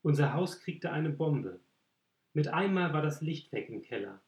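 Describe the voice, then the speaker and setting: A man's voice: fairly high pitch, animated, measured pace. A man voicing a stubborn, guarded nine-year-old boy in a storybook reading, with terse answers. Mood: sad. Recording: roomy echo.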